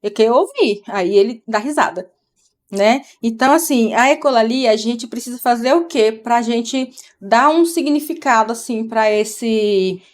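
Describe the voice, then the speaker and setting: Speaking at a measured pace in a voice that's a little high, this middle-aged woman from Brazil chats casually during a live stream. She's a mother who explains things while talking with her child.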